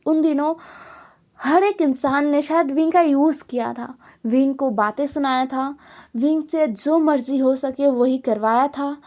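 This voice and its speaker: A woman's voice: high voice, darkish tone. A woman narrating a fan fiction story in a casual, conversational way with emphatic asides.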